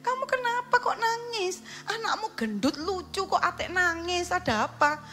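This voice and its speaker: A woman's voice: extremely high pitch, expressive, moderate pace, bright, forceful tone, soft background music, pitched above the performer's own voice, exaggerated voice. A woman voicing a worried, consoling female friend from church in a sermon story. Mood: concerned.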